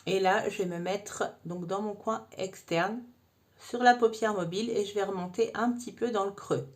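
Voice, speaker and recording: A woman's voice: mid-range voice, steady tone, moderate pace. Chatty woman giving a makeup tutorial. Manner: chatty, addresses viewer informally with frequent "hein". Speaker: makeup vlogger.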